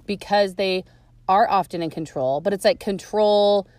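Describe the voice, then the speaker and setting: A woman's voice: medium pitch, measured pace, darkish tone, no echo. Teasing woman hosting a podcast. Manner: teasing, playful. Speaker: podcast host. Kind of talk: casual chat.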